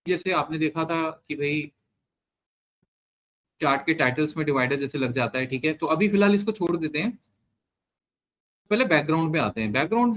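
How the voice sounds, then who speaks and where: A man giving a step-by-step screen-share software lesson, mixing Hindi with English terms and often checking in with the learner. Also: fairly high pitch. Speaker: software trainer.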